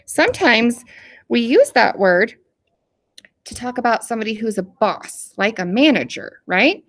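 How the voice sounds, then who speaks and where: A woman teacher giving a recorded lesson to young children in an encouraging, animated manner. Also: on the high side, a little slow. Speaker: elementary school teacher.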